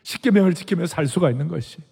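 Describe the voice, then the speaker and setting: Man in his 60s, pastor preaching, husky and gravelly, lively pitch, hushed then loud, long church-hall echo. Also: fast. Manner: emphatic, repeats key phrases, swings between hushed and loud. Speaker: senior pastor. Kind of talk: sermon with personal anecdote. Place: large church sanctuary. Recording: long reverb of a big hall.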